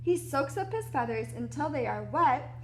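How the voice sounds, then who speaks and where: Over soft background music, a woman reads a children's picture book in a high voice at a moderate pace. Her style is that of a preschool teacher, animated and explanatory, sprinkling in asides for the little ones.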